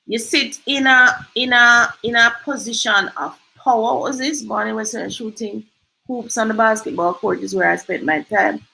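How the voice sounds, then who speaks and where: Jamaican woman host, emphatic and preachy, higher-pitched, forceful tone, drifts into patois. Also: steady tone, normal speed, creaky, poor audio. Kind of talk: motivational livestream talk.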